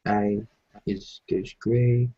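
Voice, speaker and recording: A man's voice: fairly low pitch, fairly even intonation, very slow, background noise. A man chatting casually and slangily about his hobby, with some swearing, on a group call. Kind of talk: casual hobby chat while building models. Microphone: online group call microphone. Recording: dull, lo-fi call audio.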